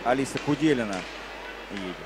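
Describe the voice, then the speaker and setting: A man's voice: medium pitch, expressive, brisk, over loud music. A man working as a hockey commentator in live sports commentary.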